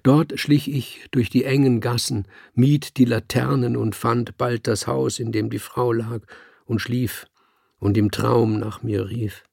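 Man, story reading, slow, husky, dry sound. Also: mid-range voice, fairly even intonation, a little mellow, dry recording. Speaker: reader. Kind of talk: audiobook reading.

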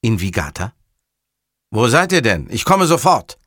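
A man voicing a grumpy, short-tempered male police commissioner who speaks bluntly and gruffly. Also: medium pitch, sing-song, unhurried, fairly bright tone, no echo, clean studio sound. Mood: irritated gruff.

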